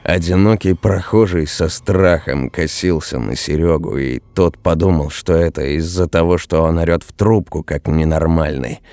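A man narrating a horror story in a steady storytelling voice. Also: low-pitched, moderate pace, hardly any pauses, no echo.

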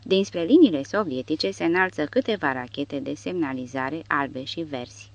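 A woman narrating an audiobook in a dramatic, expressive reading style. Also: low-pitched. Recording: dull dry recording.

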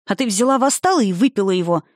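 A woman reading a feisty, sulky young village witch girl with a rustic dialect, voiced higher and indignant. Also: lively intonation, quick pace, darkish tone, no echo, clean studio sound, close to an everyday voice. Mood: outraged.

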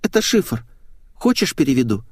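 A man's voice: medium pitch, sing-song, normal speed, slightly rough, dry recording, voice pushed up. A man voicing a whiny, scheming young woman who fakes tears and pleads, in a dry studio audiobook reading. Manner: whining, pleading.

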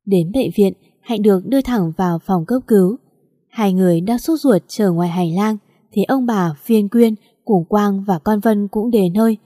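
Warm-voiced woman narrating a story. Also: medium pitch, normal speed, dry recording, studio quality. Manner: steady storytelling. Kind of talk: scripted audiobook narration.

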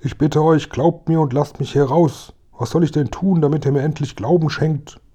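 A high, huffy police sergeant calls out pompously for help, voiced by a man reading a children's storybook. The voice stays mellow and a little husky. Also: steady tone, moderate pace. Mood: pleading. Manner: shouting for help, indignant and officious. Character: police sergeant locked in a shed, pleading.

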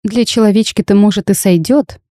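A woman reading the lines of a bold, sharp-tongued young half-fairy bride in a storybook tale, lively and teasing in tone. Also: mid-range voice, brisk, dry recording, clean studio sound, pitched above the performer's own voice, lightly acted. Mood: spirited.

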